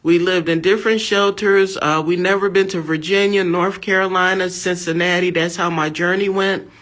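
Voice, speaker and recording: A fairly low, slightly bright voice belongs to an American woman in her fifties, speaking at normal speed with fairly even intonation. She delivers a fervent religious testimony as a preaching monologue, emphatic and exhortative, repeating her phrases.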